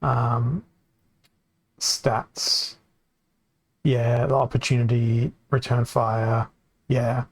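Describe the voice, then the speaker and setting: A man's voice: mid-range voice, little pitch movement, very slow, long pauses, breathy edge, no room sound. A man streaming a card game from home into a desk microphone, thinking aloud and correcting himself as he goes, his voice worn from hours of talking. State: voice getting worn from long talking. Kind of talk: casual game stream commentary.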